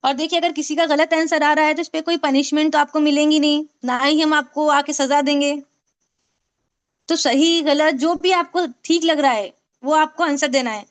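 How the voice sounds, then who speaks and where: A woman's voice: sits high, steady tone, normal speed. A woman teaching an online Quran recitation class, explaining patiently and repeating sounds for her students to drill. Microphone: video call.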